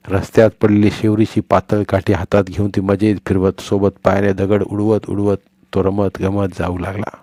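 A man reading a story aloud as an audiobook narrator, in an even, expressive storytelling manner. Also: fairly low pitch, dry recording, clean studio sound.

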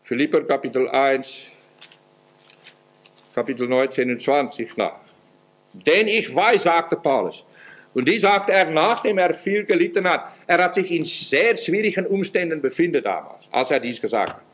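A man preaching a sermon as pastor, earnest, his voice swinging up and down in pitch and loudness. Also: lively intonation, normal speed. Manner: acts out quoted prayers in a pleading voice.

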